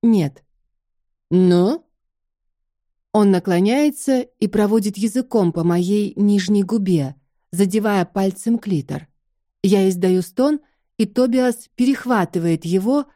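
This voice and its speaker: A woman narrating an audiobook in a calm, even reading. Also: medium pitch.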